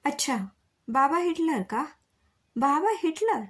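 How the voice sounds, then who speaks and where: A woman voicing a cheerful, teasing young female college student in a storybook reading, with a breathy voice. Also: sits high, lively intonation, takes it slowly, voice pushed up.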